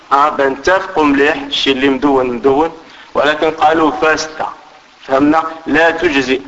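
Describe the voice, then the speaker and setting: A man's voice: on the high side, a bit bright, highs cut off. A man with an Algerian Arabic accent giving a religious lesson, explaining carefully, repeating his points and checking that listeners understand. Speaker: religious teacher.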